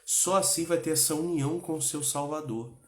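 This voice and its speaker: A man's voice: on the high side, normal speed, reverberant. Impassioned Brazilian man teaching religion. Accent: Brazilian Portuguese. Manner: impassioned, repetitive, frequent "né?" tags. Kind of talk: religious class talk.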